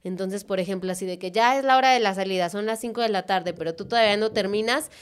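Smooth-voiced woman chatting. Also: medium pitch, fast. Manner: chimes in and finishes others' sentences. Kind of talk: casual chat.

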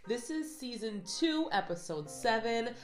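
A woman hosting a motivational podcast, a little stuffy from a cold, talking casually and reading affirmations slowly and earnestly. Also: on the high side, expressive, roomy sound. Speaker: podcast host.

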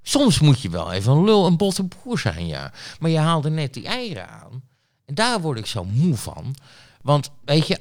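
A man in a casual interview, talking at an ordinary middle pitch. He tells his stories bluntly and rambles, often stopping to restart a sentence or to fill a pause. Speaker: interview guest, street reporter. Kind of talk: casual storytelling.

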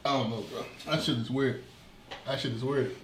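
A man co-hosting a podcast, talking in relaxed, chuckling slang. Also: medium pitch, normal speed, crowd noise. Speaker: podcast co-host. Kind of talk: casual chat. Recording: echoey room with faint noise.

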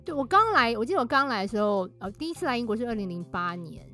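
A woman's voice: a little high, sing-song, fast, bright, forceful tone, soft background music. A woman guest and author, explaining things in a casual podcast conversation and laughing often.

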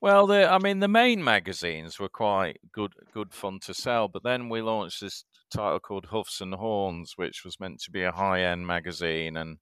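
A middle-aged Yorkshire man with a very low voice that is unusually smooth and resonant. He tells his stories in a relaxed, understated way, and the recording is dry and close. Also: moderate pace, hardly any pauses, no room sound. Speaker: podcast guest. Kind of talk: casual chat.

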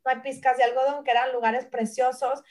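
A woman in her forties from Mexico with a high voice, chatting as a guest. She tells stories in an animated way and slips into the voices of her mother and grandparents. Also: a little fast. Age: 40s. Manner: animated storyteller who acts out family voices. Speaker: guest, nutritionist and brand founder. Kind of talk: casual conversation.

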